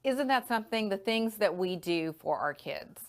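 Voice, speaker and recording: A woman hosting an interview, reacting to her guest with warm, responsive interjections. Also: medium pitch, lively intonation, normal speed. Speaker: podcast host, interviewer.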